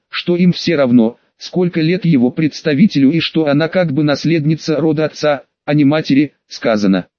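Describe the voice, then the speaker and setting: A man narrates a fantasy story in an even storytelling manner, reading the characters' dialogue without changing his voice. His voice sits a bit high for a man. The recording is dry and somewhat dull, lo-fi. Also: no echo. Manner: even storytelling, quotes read in his own voice. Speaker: audiobook narrator. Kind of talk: scripted narration.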